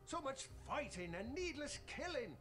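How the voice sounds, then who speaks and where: High, sing-song, chatty baker, over loud game music. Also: male voice, big pitch swings, normal speed, reverberant. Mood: cheerful. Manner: cheerful, chatty shopkeeper talk. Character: chatty friendly male village baker with mustache.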